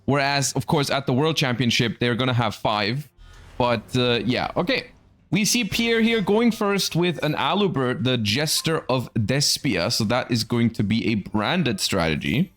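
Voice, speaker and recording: A man's voice: mid-range voice, lively intonation, unhurried, a bit bright. A man hosting and commentating a live card game tournament in a conversational, explanatory announcer manner.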